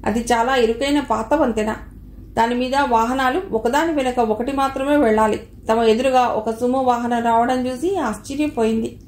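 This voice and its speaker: A woman's voice: fairly high pitch, steady tone, normal speed, darkish tone, reverberant. A woman reading a novel aloud as an audiobook narrator, telling the story steadily and voicing the dialogue lightly.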